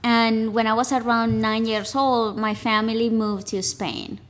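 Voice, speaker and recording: A woman's voice: on the high side, flat delivery, a little slow, a little hiss or hum. A woman from Colombia, a DJ and music producer, answering interview questions in an easygoing, casual way with many "you know" fillers.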